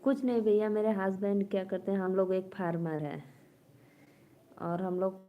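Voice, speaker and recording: A woman's voice: medium pitch, fairly even intonation, normal speed, dull audio. A woman hosting a casual live stream, chatting with viewers and coaxing them to stay and comment.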